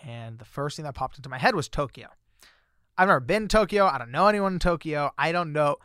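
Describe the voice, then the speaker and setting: A man's voice: on the high side, fast, clean tone, dry recording, studio quality. A man telling a personal story as a guest author, in a casual chatty way with lots of fillers. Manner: chatty, many fillers, grows excited when recounting surprises.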